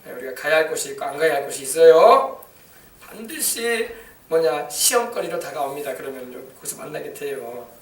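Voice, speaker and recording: High-voiced pastor preaching in an echoey church. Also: male voice, normal speed. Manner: animated, acts out quoted lines with rising emphasis. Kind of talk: sermon. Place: church sanctuary. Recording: echoey church hall, mic at a distance.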